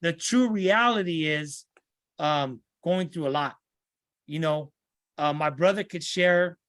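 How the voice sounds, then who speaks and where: Earnest middle-aged man, higher-pitched voice. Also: takes it slowly, a bit bright, dry recording, studio quality. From Santa Ana, California. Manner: earnest, repeats himself, many restarts. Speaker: guest. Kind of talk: podcast interview conversation.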